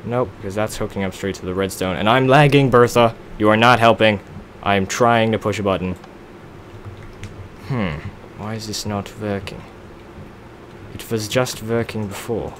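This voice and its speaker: A young man narrates his block-building gameplay in a casual let's-play, rambling and mocking himself a bit as he solves problems. His voice is on the low side and fairly bright, at a moderate pace, with a little hiss or hum in the recording.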